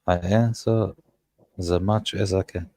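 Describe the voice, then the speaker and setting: A man, speaking English as an in a casual panel chat and often pausing to search for words. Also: sits low, fairly even intonation, dark tone. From Germany. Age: 30s. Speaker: panel guest.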